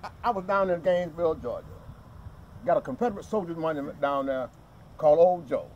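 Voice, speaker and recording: A man's voice: fairly high pitch, brisk, dull audio, a little hiss or hum. An older man with a Southern US accent giving an impassioned, folksy outdoor speech and talking straight to the crowd. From Southern United States. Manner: animated, folksy, addresses the crowd directly. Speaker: speaker at a memorial event. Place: outdoors at a cemetery gathering.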